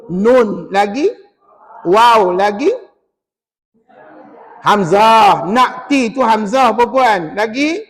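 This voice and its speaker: Malaysian man, Quran teacher, very high voice, quizzing students, long mosque reverb. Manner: lively, quizzing the class, drawn-out recitation. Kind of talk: classroom tajwid lesson. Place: mosque hall.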